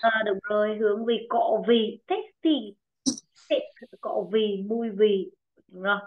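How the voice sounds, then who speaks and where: A woman teaching an online English pronunciation lesson with a Vietnamese accent, encouraging students and repeating words slowly for them. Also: medium pitch. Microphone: video call. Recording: tinny phone-like video call audio.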